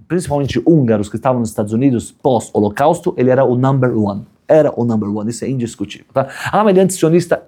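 A man teaching a religious class as an animated storyteller, acting out the voices of people in his story and checking in with his listeners often. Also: medium pitch, slightly rough. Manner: animated storyteller, acts out quoted voices, asks "tá bom?" often. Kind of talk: storytelling sermon.

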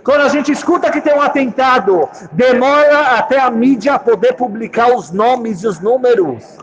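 A man teaching a Torah class, chanting Hebrew verses slowly and explaining them with rhetorical questions. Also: extremely high pitch, a crowd in the background. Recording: muffled lo-fi recording.

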